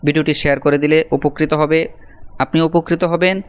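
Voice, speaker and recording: Guy giving a religious lesson, kinda high voice, goes slow phrase by phrase then explains. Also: little pitch movement, clean tone. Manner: teaches phrase by phrase, recites Arabic slowly then explains. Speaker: Quran teacher.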